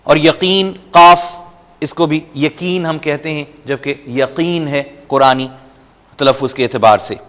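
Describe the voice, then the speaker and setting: Brief: male teacher, slow recitations, quick explanations, slightly high voice. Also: big-room sound. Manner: recites each verse slowly and loudly, then explains briskly. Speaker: Quran teacher. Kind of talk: step-by-step recorded lesson.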